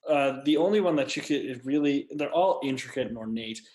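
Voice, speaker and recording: A man running a tabletop game as game master, describing scenes in a measured way that slows down for detail. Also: mid-range voice, animated, a little mellow.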